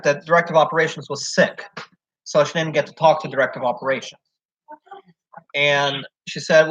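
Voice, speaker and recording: A young man with a slightly high, fairly bright voice chats casually, giving a long, rambling account of a job situation packed with "like" and "so." He's a job applicant telling the story, and the recording is dull and lo-fi.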